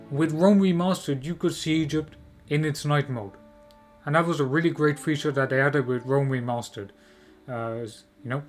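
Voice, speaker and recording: A man giving opinionated video game commentary, emphatic and repetitive, often posing rhetorical questions. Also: on the high side. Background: music.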